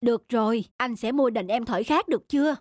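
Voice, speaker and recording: A performer voicing a calm, kind young father in a children's cartoon, speaking in a gentle, soothing way. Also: medium pitch, brisk, no echo, clean studio sound, natural voice.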